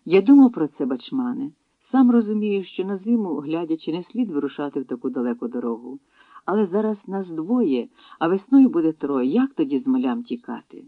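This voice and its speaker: A man's voice: on the high side, sing-song, a little fast, no room sound. A man voicing an earnest, emotional young escaped warrior, on a tinny phone-like recording. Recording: tinny phone-like dry sound.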